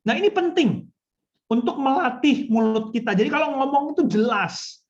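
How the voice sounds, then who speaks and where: A woman's voice: high voice, animated, moderate pace, darkish tone, highs cut off. A woman trainer teaching a storytelling workshop for children's ministry. She speaks instructively, addresses her listeners often and acts out short examples. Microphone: video call.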